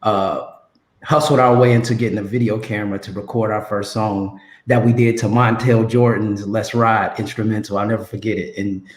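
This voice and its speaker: A man's voice: lowish voice, moderate pace. A man on a video call sharing his story in casual chat, his audio echoing like a cave. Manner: relaxed and conversational, says "man" and "right". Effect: cave-like echo on his audio. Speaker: photographer on a panel.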